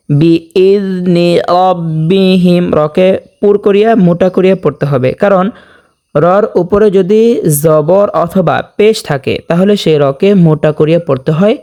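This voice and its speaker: A man teaches Quran recitation in a high, clear, resonant voice that leans mellow and dark in tone. He explains each tajweed rule step by step, often checking in with the listener. Then he chants the verse very slowly, stretching out each syllable. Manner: checks in with "okay?". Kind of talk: tajweed lesson with slow recitation.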